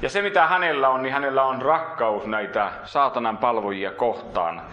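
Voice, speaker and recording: A man preaching a sermon in earnest, lifting his voice for emphasis and then dropping it low and slow. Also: bright, forceful tone, reverberant, dull audio, a little hiss or hum.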